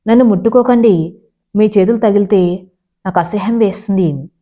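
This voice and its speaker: A woman's voice: medium pitch, normal speed, dark tone, close to an everyday voice. A woman narrator voicing a desperate young female employee who speaks in bitter, accusing tones. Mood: bitter accusation. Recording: slightly dull lo-fi sound.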